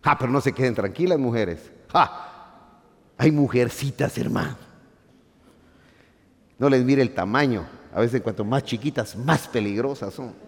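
A middle-aged man preaching a sermon, shifting between quiet asides and loud, emphatic lines while calling his listeners brothers. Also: medium pitch, measured pace, pauses often. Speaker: pastor. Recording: long hall reverb.

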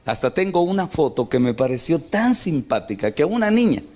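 Middle-aged male preacher, lively up-and-down delivery, questions the congregation. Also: on the high side, normal speed. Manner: storytelling, asks the congregation questions. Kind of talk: sermon.

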